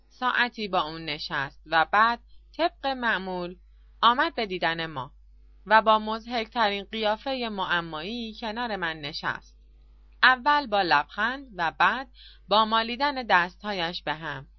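A woman narrating a novel as an audiobook in a measured, calm storytelling manner. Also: on the high side, no echo, highs cut off.

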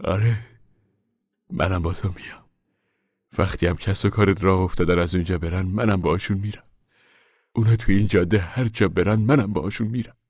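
A soft-spoken, reflective wandering preacher in a radio play. He talks quietly and thoughtfully in a lowish voice. The studio sound is dry and close. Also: lively intonation, long pauses, no room sound. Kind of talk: radio drama acting.

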